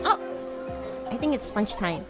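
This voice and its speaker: This streamer's voice sits at medium pitch and is very animated, if a little slow, with loud music playing underneath. Still in her improvised livestream roleplay, the VTuber plays a bratty demon schoolgirl classmate with giggly, playful teasing.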